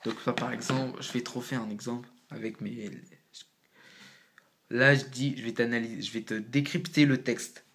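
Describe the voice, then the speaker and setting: A man talks through a casual home-made tutorial at a middle pitch. His speech is slangy and loose, and he works things out aloud as he goes. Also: steady tone, moderate pace, fairly bright tone. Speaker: amateur rapper explaining rhyme.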